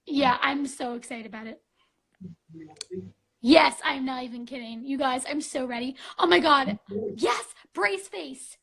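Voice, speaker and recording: A woman's voice: sits high, a little slow, gravelly, fairly bright tone, low-quality recording. A woman in her twenties chatting casually on a live stream, gushing and bubbly, full of fillers like "like" and "um", on a phone mic. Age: 20s.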